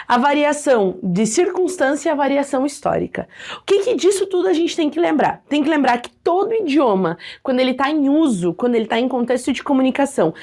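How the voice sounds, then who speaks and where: A woman teaching a language lesson in a lively, playful way and acting out examples. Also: high voice. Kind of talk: educational video lesson.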